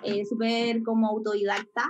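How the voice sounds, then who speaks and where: A woman's voice: a little high, little pitch movement, moderate pace, slight background noise. A young woman with a Chilean accent, chatting casually as an interview guest, full of fillers. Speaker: guest, esports photographer.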